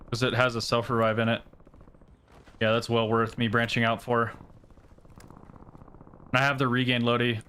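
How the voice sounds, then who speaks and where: A man's voice: mid-range voice, sharp tone, clear, resonant tone. A man streaming a battle royale game live, giving casual commentary in gamer slang, often swearing when frustrated.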